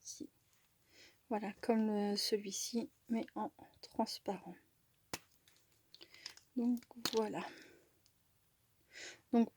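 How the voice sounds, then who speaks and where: A woman's voice: a little high, a little mellow, a little hiss or hum. A woman chatting casually about her craft supplies, self-mocking and full of fillers and restarts. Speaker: crafts vlogger. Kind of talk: casual crafting show-and-tell.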